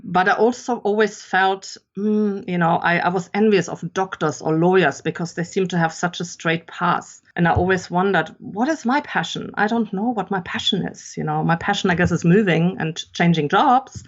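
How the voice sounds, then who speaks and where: A woman's voice: on the low side, normal speed, hardly any pauses. A middle-aged woman from Germany with a German accent, a podcast guest chatting in a rambling way with many fillers. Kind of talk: casual interview chat. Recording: dull lo-fi sound.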